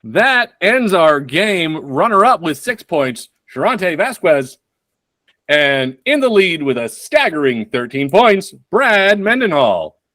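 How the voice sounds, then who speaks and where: A man hosting a comedy trivia show in a dry, deadpan way. He speaks slowly, with a lively, rising and falling pitch. The sound is dry and close. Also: no room sound. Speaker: game show host.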